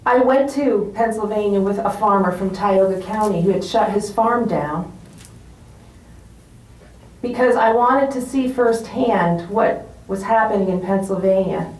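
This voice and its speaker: A woman giving a rousing political rally speech, speaking deliberately in short, emphatic phrases. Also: medium pitch, darkish tone. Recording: roomy echo, distant microphone.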